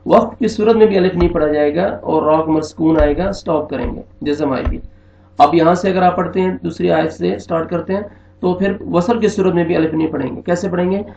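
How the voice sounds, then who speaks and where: A man's voice: sits high, fairly even intonation, brisk, gravelly, darkish tone. A man teaching a Quran reading lesson, patiently repeating each rule and checking in with his students. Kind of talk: recorded online lesson. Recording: echoey, dull lo-fi room sound.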